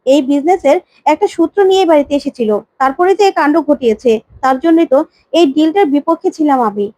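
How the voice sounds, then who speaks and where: A worried woman of the family, pleading and urgent, as a woman storyteller puts her on. High-pitched, with a dry, close sound. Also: quick pace, darkish tone, no room sound, close to an everyday voice.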